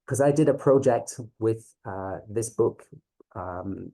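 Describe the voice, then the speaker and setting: A teacher from Galway, in the west of Ireland, presents a reading series informally in a low, very mellow, gravelly voice with a local accent. He goes slowly, hesitating and often checking that listeners are following, on a rough recording.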